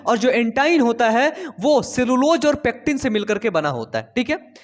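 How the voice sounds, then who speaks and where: Chatty, high-voiced male biology teacher. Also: big pitch swings, normal speed. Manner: chatty, coaxing, repeats key terms and asks rhetorical questions. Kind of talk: Hindi classroom-style lesson.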